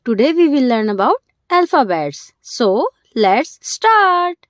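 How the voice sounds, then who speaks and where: Speaking slowly with big swings in pitch, a woman whose voice sits high hosts a children's educational video about the alphabet. Short, simple phrases carry stressed key words, captured in clean studio sound without any room sound.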